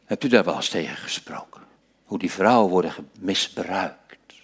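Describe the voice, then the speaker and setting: Dutch-speaking pastor preaching, lively pitch. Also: male voice, normal speed, breathy edge. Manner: swings from hushed whispers to loud raised preaching. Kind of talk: sermon.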